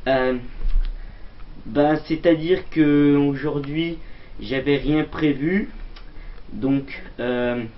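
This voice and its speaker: A man's voice: fairly high pitch, steady tone, extremely slow, long pauses. A man hosting a comedic toy-figure show as a goofy mock presenter, jokey and brusque. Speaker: host. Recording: muffled lo-fi recording.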